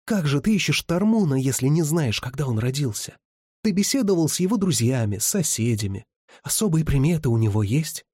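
A man voicing a fierce, tough young woman who scolds in a sharp, raised voice. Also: on the high side, sing-song, a little fast, slightly rough, no room sound, clean studio sound, voice pushed up. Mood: reproachful.

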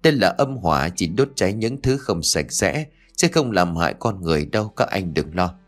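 A man voicing a calm young exorcist who reassures the police in an audio story. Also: deep voice, moderate pace, soft background music.

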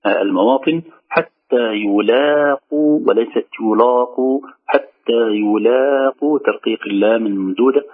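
Male tajweed teacher, slow careful demonstrations, husky voice, tinny phone line. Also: medium pitch. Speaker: Quran recitation teacher. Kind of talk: tajweed instruction on a radio call-in show. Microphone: telephone.

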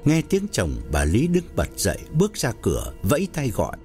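A man narrating an audiobook story in a measured storytelling way. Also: wildly swooping pitch, darkish tone, soft background music. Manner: measured storytelling with wide pitch swings.

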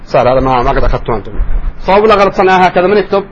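Guy teaching spelling in class, kinda high pitched, keeps asking the students stuff. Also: lively intonation, highs cut off, a little hiss or hum. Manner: quizzes students with quick questions. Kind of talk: classroom lesson.

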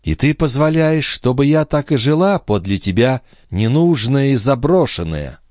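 A man voicing Lorenza, a passionate, sorrowful young clairvoyant wife, in a high, imploring, tearful tone in an audiobook reading. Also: big pitch swings, moderate pace, a little mellow, dry recording, studio quality, natural voice. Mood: pleading.

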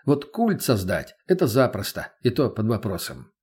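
A man's voice: lowish voice, sing-song, moderate pace, a little mellow, slightly rough. A man narrating an audiobook in the first person, in a blunt, crude, matter-of-fact manner. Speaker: audiobook reader.

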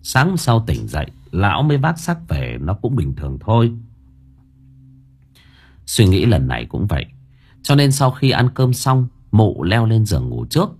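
A man's voice: fairly low pitch, wildly swooping pitch, normal speed, a little mellow, slightly rough. Dramatic male storyteller. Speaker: narrator. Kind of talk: audiobook story narration.

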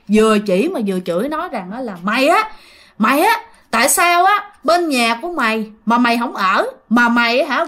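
A woman's voice: fairly high pitch, fairly bright tone. A woman telling a ghost story in a chatty way, speaking directly to her listeners. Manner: chatty, addresses listeners directly, many fillers. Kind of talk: casual ghost story narration.

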